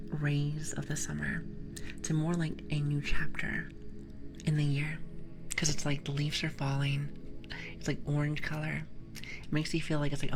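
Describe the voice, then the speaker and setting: A young woman from Portugal chatting playfully with viewers in a soft, mostly unvoiced ASMR whisper. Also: low-pitched. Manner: playful, teasing chat with viewers. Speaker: ASMR streamer. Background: soft background music.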